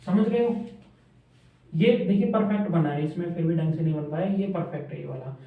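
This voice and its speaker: A man's voice: on the high side, brisk, phone-quality sound. A man teaching a shorthand lesson at a board, repeating each point and checking that students follow. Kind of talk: classroom lesson at a whiteboard. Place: classroom with a board. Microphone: camera's mic from across the room. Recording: very echoey room, voice far off.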